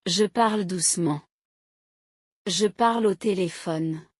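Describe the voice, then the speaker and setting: A woman slowly reading short example sentences aloud as a language teacher, each one clearly articulated in a steady drill. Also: fairly low pitch, no echo, clean studio sound. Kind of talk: slow, carefully paced reading of example sentences.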